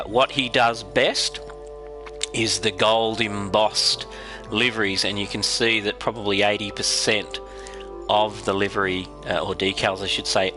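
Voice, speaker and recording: Raspy Australian man with a head cold. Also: fairly low pitch. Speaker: game livestream host. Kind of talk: casual livestream commentary.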